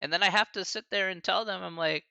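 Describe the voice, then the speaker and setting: A man's voice: high voice, quick pace, creaky, clear, resonant tone, no room sound, highs cut off. A man in his early forties, a college math instructor, teaching a live-streamed lecture and chatting with viewers between steps. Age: 40s. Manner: lively, chatty asides to chat, laughs often.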